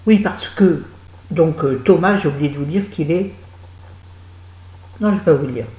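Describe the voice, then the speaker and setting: A woman's voice: sits low, moderate pace, dark tone, reverberant, rough recording. A woman giving a chatty, digressive spoken book review, talking straight to her viewers.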